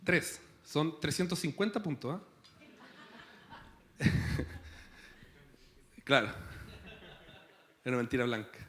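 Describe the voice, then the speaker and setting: A man's voice: a little high, lively intonation, drawn-out words, long pauses, a bit bright. A man with a Chilean accent preaching a sermon in a church, conversational and playful, tossing in rhetorical questions. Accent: Chilean Spanish. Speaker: pastor.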